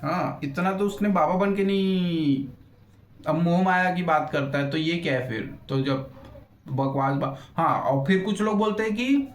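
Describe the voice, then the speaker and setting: A man's voice: on the high side, unhurried. A young man and YouTuber ranting in an unscripted roast, blunt and crude, swearing freely and losing his thread as he rambles. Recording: echoey room.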